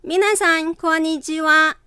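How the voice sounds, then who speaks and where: Woman language teacher, high bright voice, very slow careful delivery, dry close sound. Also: fairly even intonation, no echo. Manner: careful, deliberate demonstration of sounds. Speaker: Chinese language instructor. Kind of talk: slow scripted language lesson.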